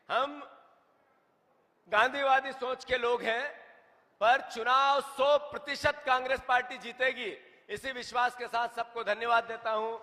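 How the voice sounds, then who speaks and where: A man making a rousing political rally speech, loudly exhorting with questions over a public address microphone. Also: very high-pitched. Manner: loud, exhorting the crowd with questions. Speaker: political party speaker at an election rally. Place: election rally stage. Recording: echoing PA with long reverb.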